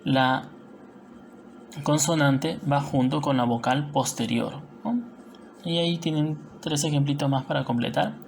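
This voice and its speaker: A woman with a Peruvian Spanish accent teaches a recorded lesson in a low, gravelly, darkish voice at a measured pace. She explains patiently, step by step, often tagging on questions to check the class is following, while a faint hiss runs beneath.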